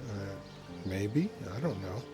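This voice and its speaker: A man's voice: fairly low pitch, animated, takes it slowly. A man casually commentating as he plays a game and reads dialogue choices aloud. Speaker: game player. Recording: game music behind the voice.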